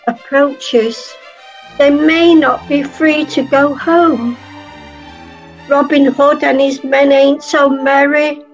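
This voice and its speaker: A woman playing a storybook pantomime narrator, reciting measured verse. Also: sits high, highs cut off.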